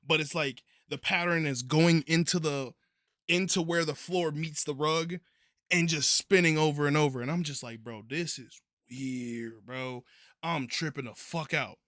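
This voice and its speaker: A young man spins a story in a loose, laid-back way, cussing freely and leaning on slang. His voice sits a little high and comes across bright and forceful. The sound is close and dry. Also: steady tone, normal speed, dry recording. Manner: laid-back, profane slang-heavy delivery. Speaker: streamer telling a story. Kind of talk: casual storytelling.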